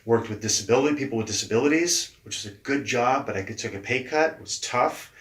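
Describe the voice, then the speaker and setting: A man in his forties, a guest leadership coach, telling stories from his life in casual conversation with an animated, mildly profane manner. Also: mid-range voice, fast talker. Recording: echoey room.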